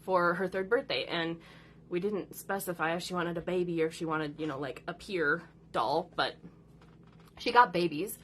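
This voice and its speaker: A woman in her thirties, a mother of four and content creator, chats casually and at length about her kids, often acting out their lines. Her voice sits on the low side and is a bit bright, at normal speed, with slight background noise.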